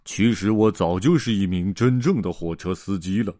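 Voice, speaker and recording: A man's voice: low-pitched, warm tone, no room sound, clean studio sound, pitched below the performer's own voice, close to an everyday voice. A man voicing a bumbling, cheerful doctor in a children's storybook, speaking hesitantly with many ers. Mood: bluff. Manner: slow and hesitant, full of ers. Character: scatterbrained cheerful old male doctor.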